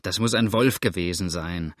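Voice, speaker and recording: A man voicing a sharp-eyed male hunter in an audiobook, speaking in a pointed, commanding way. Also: deep voice, moderate pace, no echo, clean studio sound, voice pushed down, close to an everyday voice. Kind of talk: audiobook character reading.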